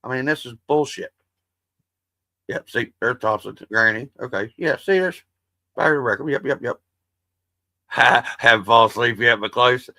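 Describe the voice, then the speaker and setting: Hosting a livestream, a man talks casually with viewers at normal speed, pausing often in a pushed, bright, medium-pitched voice. His chat rambles and turns profane, and he refers to his voice as soothing. The recording is dry.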